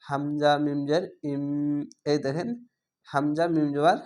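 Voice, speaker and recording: Male Quran tutor, measured syllable-by-syllable drills, slightly high, crisp tone. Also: steady tone, a little mellow. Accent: Bangladeshi Bengali. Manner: spells syllables letter by letter, drawls long vowels. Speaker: Quran reading teacher. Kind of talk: slow spelled-out recitation lesson.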